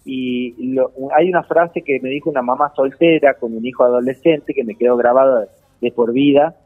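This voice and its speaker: An Argentine comedian telling a story on a radio show, acting out the lines of the people in it. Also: male voice, mid-range voice, moderate pace. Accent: Argentine Spanish. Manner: animated storyteller acting out dialogue. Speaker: comedian guest. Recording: tinny phone line.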